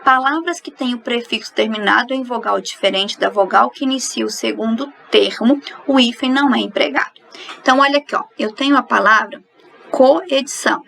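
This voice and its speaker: Gravelly woman teaching grammar. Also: on the high side, normal speed, fairly bright tone, a little hiss or hum, low-quality recording. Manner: explanatory, asks and answers her own questions. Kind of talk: recorded online grammar lesson.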